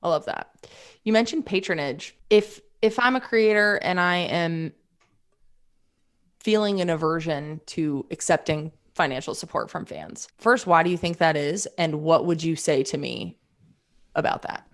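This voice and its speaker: A woman's voice: deep voice, a little slow. A woman hosting a podcast interview, encouraging her guest with frequent affirmations. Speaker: podcast host. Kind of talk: casual interview chat.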